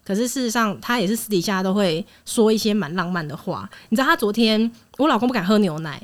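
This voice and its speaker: A woman's voice: medium pitch, lively intonation, fast. A young woman, hosting a podcast in casual chat and laughing often. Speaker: podcast host.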